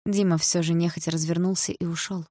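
A woman reading a first-person novel aloud in a quiet, measured way. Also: lowish voice, little pitch movement, no room sound, studio quality. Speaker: audiobook narrator.

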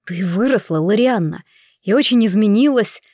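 A woman's voice: mid-range voice, animated, moderate pace, a little mellow, dry recording, clean studio sound, lightly acted. A woman reading the lines of a playful, mocking young nobleman in a story. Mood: teasing. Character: teasing charming young nobleman.

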